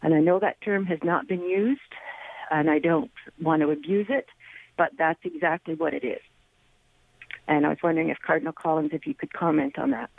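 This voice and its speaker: A radio show caller, a woman whose voice comes through a thin, tinny phone line with no room sound. Her voice sits slightly low, and she speaks in a polite, earnest way. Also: lively intonation, a little fast, gravelly, no room sound. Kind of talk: calling in to a radio talk show.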